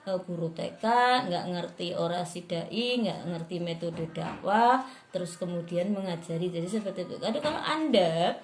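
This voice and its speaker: A woman's voice: lowish voice, lively intonation, normal speed, echoey room, a little hiss or hum. A woman lecturer in rhetoric, giving a class on preparing sermons and modeling intonation aloud.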